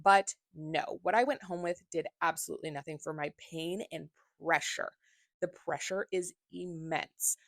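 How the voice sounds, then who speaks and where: Blunt, low-voiced woman vlogger. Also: moderate pace, vocal fry, fairly bright tone, dry recording. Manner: candid and blunt, with swearing. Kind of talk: casual personal vlog.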